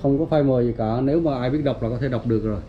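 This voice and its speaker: A man's voice: mid-range voice, racing. Guy vlogging outdoors at some old tombs, chatty, lots of uh's, kinda dull lo-fi camera sound with faint outdoor noise. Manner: chatty, many fillers, addresses viewers as everyone. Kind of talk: casual walking tour narration. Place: outdoors at a cemetery gate.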